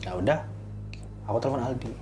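A man tells a horror story in casual chat, his voice at an ordinary middle pitch. He grows animated as the tension builds, pushing higher and louder. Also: fast, a little hiss or hum. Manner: animated, rising in pitch and volume at tense moments. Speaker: guest storyteller.

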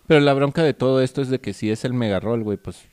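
Casting: male podcast co-host, northern Mexican accent, mid pitch, smooth clear voice, profane and slangy. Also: fast talker, darkish tone, dry recording, studio quality. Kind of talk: casual chat.

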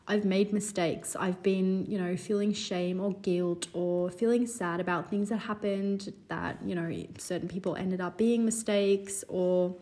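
A woman in her twenties hosting a solo podcast, talking in an earnest, rambling way with lots of fillers, a little stuffy from a cold. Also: mid-range voice. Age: 20s. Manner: warm, earnest, rambling with many "you know" fillers. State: slightly congested, recovering from a cold. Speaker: podcast host. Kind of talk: casual solo podcast talk.

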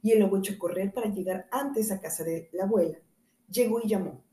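A woman hosting a storytelling podcast, reading fairy tales aloud in an expressive, affectionate manner. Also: mid-range voice, fairly quick, echoey room.

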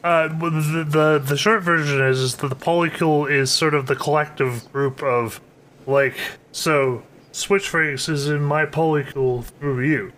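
Halting man on a casual podcast. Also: fairly high pitch, fairly even intonation, fairly bright tone, a little hiss or hum. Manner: halting, stammering. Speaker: podcast co-host.

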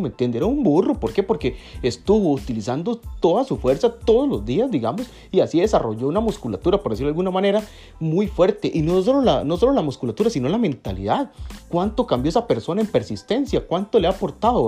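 Lively Costa Rican man musing aloud. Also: on the high side, husky. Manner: conversational, keeps asking "¿verdad?". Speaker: vlogger. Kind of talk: reflective motivational monologue.

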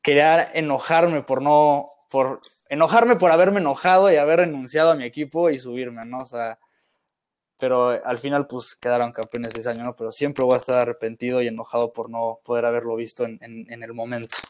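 A man's voice: mid-range voice, steady tone, fairly quick. A man in his twenties with a Mexican accent, co-hosting a podcast and telling his stories in a rambling, reflective way. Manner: rambling and reflective, with frequent restarts. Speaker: podcast co-host. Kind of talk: casual chat.

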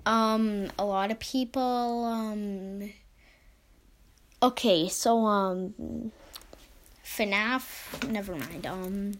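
Casual fan podcaster, female-sounding, mid-pitched, slow and hesitant, unscripted, trails off mid-thought. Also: fairly bright tone, a little hiss or hum. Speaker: podcast host. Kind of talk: casual fan theory commentary.

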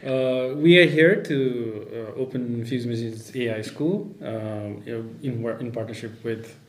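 A man from Nepal speaking as a guest on a podcast, measured and careful, with frequent hesitations. His voice has an ordinary pitch. He sounds as if he is in an echoey room with faint noise behind him. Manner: measured, with many "uh" fillers. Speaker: guest, startup founder. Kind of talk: casual interview.

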